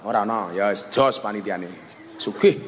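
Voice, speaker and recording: A man's voice: fairly low pitch, moderate pace, long reverb tail, a little hiss or hum. A man with a Javanese accent preaching a humorous sermon, mixing Javanese and Indonesian and acting out the voices in his stories. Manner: jokey, switches between Javanese and Indonesian, acts out voices. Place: large venue before an audience.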